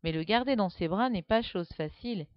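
A woman narrating a children's story with a lively, expressive reading, on a dull, dry recording. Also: mid-range voice, a little fast, no room sound.

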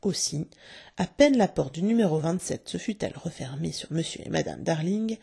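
A woman reading a storybook aloud with expressive, lively narration. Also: low voice, moderate pace, gravelly, husky.

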